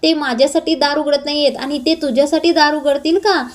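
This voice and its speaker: A woman's voice: sits high, fairly even intonation, brisk, close to an everyday voice. A woman reading a scolding, worried housewife.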